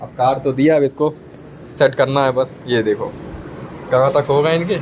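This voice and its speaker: A man's voice: mid-range voice, normal speed, noisy background. A young man talking casually to his phone camera at home, teasing and chatty, often calling out to his viewers. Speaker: family vlogger. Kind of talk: casual vlog chat to the camera. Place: indoors at home.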